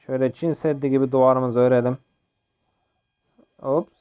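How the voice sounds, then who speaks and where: A man's voice: medium pitch, moderate pace, clear, resonant tone, muffled recording. A young man giving casual, jokey commentary while playing a mobile game, often yelping and laughing. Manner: excitable, jokey, yelps and laughs during play. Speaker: gaming channel host.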